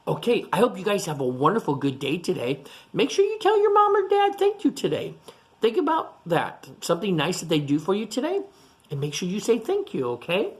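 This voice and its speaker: Reading a picture book to a group of young children, a woman teacher speaks in a mid-range voice. Her delivery is expressive and child-directed, with pauses to explain things simply.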